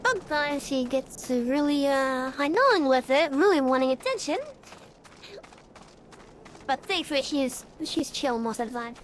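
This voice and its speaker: A woman's voice: high voice, animated, measured pace, slight background noise. A streamer in casual, rambling chat with many fillers, her voice run through an AI voice changer. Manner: rambling, chatty, frequent fillers.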